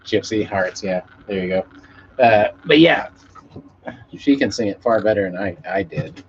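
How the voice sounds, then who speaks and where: This musician talks unhurriedly in a fairly low voice while hosting a casual live stream. He rambles to viewers in a laid-back manner and swears freely, and the audio is muffled and lo-fi with noise in the background.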